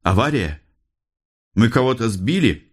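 A man's voice: medium pitch, sing-song, a little slow, voice pushed up. A man voicing a shaken, bewildered young male passenger asking urgent questions.

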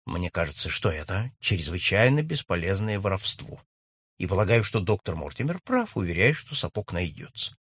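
A keen, reasoning detective, as a man reads him, precise and deliberate in every phrase. His husky voice rises and falls in a lively way. The sound is dry and close, in a spoken storybook. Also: deep voice, no room sound, exaggerated voice. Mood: measured. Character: keen, reasoning male detective, measured and exact.

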